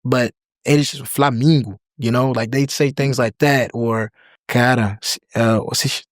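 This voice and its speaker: A young adult American man, guesting on a podcast, speaks unhurriedly at a medium pitch in a casual interview chat. His talk is loose and filler-heavy, with "like" and "you know" everywhere and some switching into other languages; the dry mic has no echo.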